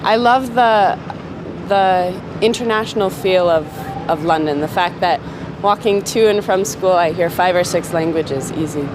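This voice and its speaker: A woman student answers a street interview thoughtfully, sometimes restarting a phrase. Her voice sits a little low. Vehicles and city traffic are clearly heard outdoors. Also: unhurried. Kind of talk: vox-pop interview.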